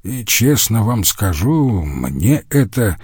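A man's voice: on the low side, big pitch swings, slow pace, a little mellow, breathy edge, no room sound, studio quality, exaggerated voice. A man voicing an old, drowsy male professor who grumbles and chuckles slyly. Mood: grumbling.

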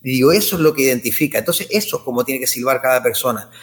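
A man's voice: medium pitch, animated, racing. Canarian man explaining at length. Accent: Canarian Spanish. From Tenerife, Canary Islands. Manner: discursive, frequent tag questions. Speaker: ethnomusicologist guest. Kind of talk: explanatory interview answers.

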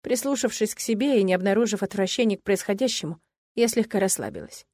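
A woman's voice: medium pitch, quick pace, darkish tone, no echo. Female audiobook narrator, first-person, intimate delivery, dry close-mic sound. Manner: intimate, emotional storytelling.

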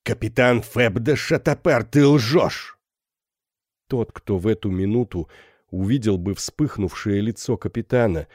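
A man narrating a classic novel for an audiobook in a steady, even storytelling manner. His voice sits low and mellow. The recording is dry and close. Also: dry recording.

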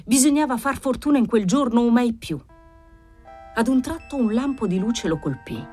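A woman narrating a classic novel as an audiobook, in a measured, expressive reading. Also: a little high, husky, soft background music. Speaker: audiobook reader.

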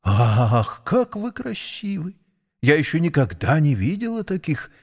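Man doing young mare, female, earnest, gentle, wondering, storybook, lively pitch. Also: measured pace, breathy edge, exaggerated voice. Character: young golden racing mare, eager and kind. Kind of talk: audiobook character voice.

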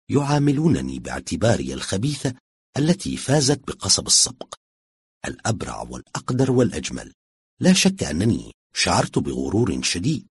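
A man reading a story aloud in an expressive storytelling manner, narrating a woman's first-person confession. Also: extremely low pitch, breathy edge, dry recording. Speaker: audiobook reader.

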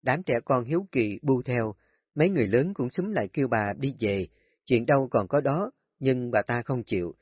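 Husky man telling a story, lively delivery. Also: medium pitch, normal speed, dry recording. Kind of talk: storytelling narration. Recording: dry, dull lo-fi recording.

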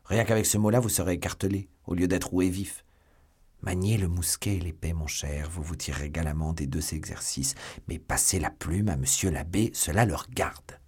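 A man reading an audiobook, voicing a grave, sober older musketeer in a measured tone. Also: sits low, a little mellow, slightly rough.

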